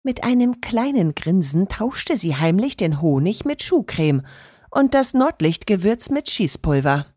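A woman narrating a children's story in an expressive, lively storytelling manner. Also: medium pitch, a little slow, husky, no echo, clean studio sound.

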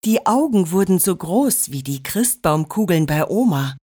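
A woman narrating a children's story in an expressive storytelling manner. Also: on the low side, moderate pace, breathy edge, no room sound, clean studio sound.

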